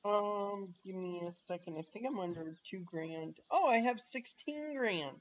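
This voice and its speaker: Slow-talking man on a dull stream mic. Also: high voice. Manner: thinks aloud, chats with viewers between pauses. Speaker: livestreamer playing a train simulator. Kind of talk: casual live gameplay chat. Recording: dull lo-fi stream audio with faint noise.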